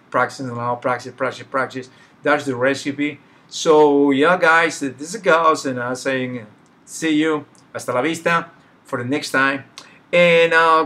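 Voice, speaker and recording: Drawing live from a small indoor room at home, a middle-aged Spanish-accented artist, native in Spanish, chats loosely while he sketches. He often gropes for words, with plenty of fillers and restarts. His voice is mid-range with a fairly bright tone.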